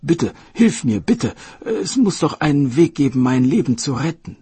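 A desperate sea dragon king, sick and frightened, his voice pushed high and loud as he begs and then barks orders, put on by a man. The tone stays husky and breathy. The sound is dry and close. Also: big pitch swings, normal speed, no room sound, exaggerated voice. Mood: pleading. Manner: pleading, then commanding.

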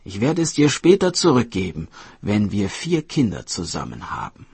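A man voicing a humble, gentle woodcutter. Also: fairly low pitch, huge pitch swings, moderate pace, gravelly, slightly rough, dry recording, full character voice. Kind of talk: storybook narration.

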